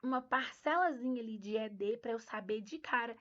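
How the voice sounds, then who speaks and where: A woman from Brazil teaching English to parents in a homeschool lesson, patient and explanatory, repeating words slowly and checking understanding. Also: on the high side, a bit bright, lo-fi sound.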